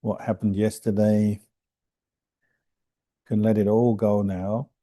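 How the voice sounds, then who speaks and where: This is guided meditation instruction from a man who is a monk and teacher. His lowish voice stays calm and gentle, with leisurely pauses between phrases, and the recording is free of echo.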